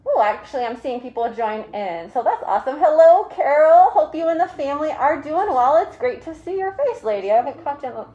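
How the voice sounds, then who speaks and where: A woman with a fairly high voice chats casually on a livestream, speaking through a mask and face shield. She rambles in a friendly-host format, tossing in jokey asides as she goes. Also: expressive, fairly quick, hardly any pauses, warm tone, lo-fi sound. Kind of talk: casual live video chat.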